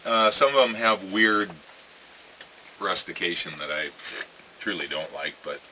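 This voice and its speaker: An American man chatting casually in a rambling vlog, musing and halting, with phrases that trail off. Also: sits low, pushed and bright, low-quality recording. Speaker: pipe-smoking vlogger. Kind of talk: casual rambling chat to camera. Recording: clear ambient noise with birdsong.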